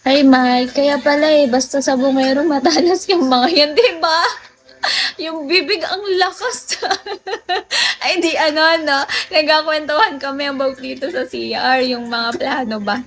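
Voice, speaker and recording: Speaking a little slowly in a high voice, a Filipina woman chats casually with her viewers on a late-night phone livestream, sharing stories and laughing frequently.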